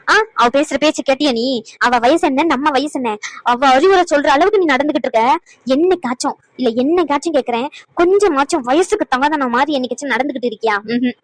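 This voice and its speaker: A high, fast-talking grown daughter scolds her mother in a cartoon, voiced by a woman. She fires off rhetorical questions, exasperated and stern. The sound is dry and close. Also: dry recording, natural voice, low-quality recording. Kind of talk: cartoon voice acting.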